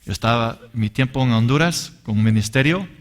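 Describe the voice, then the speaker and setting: A man teaching a sermon with personal testimony, earnest and emphatic, addressing the listeners as brothers. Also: medium pitch. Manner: deliberate and emphatic. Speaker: Bible teacher.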